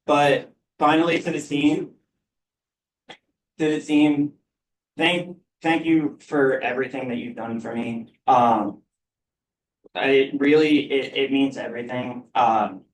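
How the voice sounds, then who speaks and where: A man in his twenties giving a grateful farewell speech to his team, halting with many uh's. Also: mid-range voice, fairly even intonation, a little hiss or hum. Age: 20s. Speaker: senior athlete giving a speech. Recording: roomy, from a distance.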